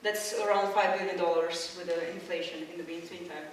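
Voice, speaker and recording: A woman's voice: on the low side, fairly even intonation, fairly quick, soft background music. A woman from Croatia giving a public science lecture with slides. She explains step by step, with many fillers and restarts. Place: lecture hall. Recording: echoey hall, mic at a distance.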